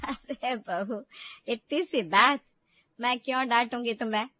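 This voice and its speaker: Woman voicing a gentle cartoon mother-in-law. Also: on the high side, a little slow, dry recording, highs cut off. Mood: reassuring. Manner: soothing, motherly, calls her daughter-in-law "bahu". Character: kind middle-aged mother-in-law, gentle and reassuring. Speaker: cartoon character.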